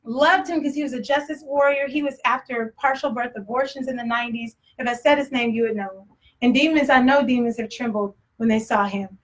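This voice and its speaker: A woman's voice: on the high side, fairly quick. A woman with a Texas accent preaching a sermon in a blunt, conversational way, often laughing. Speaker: pastor.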